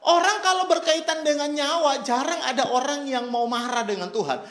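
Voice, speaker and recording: A man preaching a sermon with a rather high voice. He speaks earnestly, drawing out his key phrases for emphasis, and his words echo through a reverberant church hall. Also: fairly quick, a bit bright. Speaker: pastor. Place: church during an online service.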